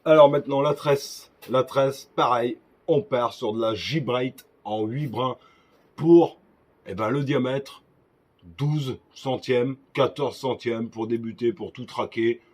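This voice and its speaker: Husky-voiced joking man giving fishing tips. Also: medium pitch, takes it slowly, a little mellow. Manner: joking, crude, chatty asides. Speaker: fishing vlogger. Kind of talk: casual gear advice vlog.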